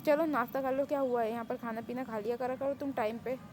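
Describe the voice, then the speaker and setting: A woman's voice: fairly high pitch, steady tone, fast, background noise, natural voice. A woman voicing a doting vampire mother who fusses and makes hesitant excuses. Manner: doting, calls her child, hesitant excuses. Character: sweet vampire mother, fussing and evasive. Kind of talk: Hindi fan-fiction audio story.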